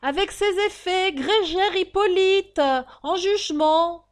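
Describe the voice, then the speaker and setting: A woman reading an audiobook, voicing a male convict who calls out prisoners' names in a loud, drawn-out shout. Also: extremely high pitch, pitched above the performer's own voice. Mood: bellowing.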